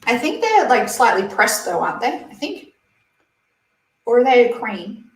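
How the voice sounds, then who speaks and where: Speaking at a normal pace with a fairly high, very animated voice, a 20-something beauty host chats on her livestream and giggles as she reads viewers' comments aloud. The sound is roomy, picked up from a slightly distant mic.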